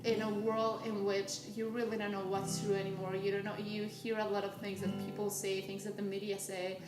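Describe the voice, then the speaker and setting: A woman's voice: medium pitch, little pitch movement, brisk. A woman from Mexico, a playwright and actor, speaking thoughtfully in a documentary interview. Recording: roomy with guitar music. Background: guitar music.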